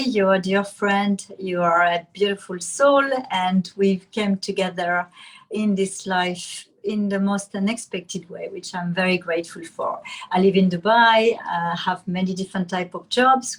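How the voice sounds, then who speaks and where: A middle-aged woman with a French accent, a guest on a talk show, speaks reflectively and often searches for her words. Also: medium pitch. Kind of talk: casual chat.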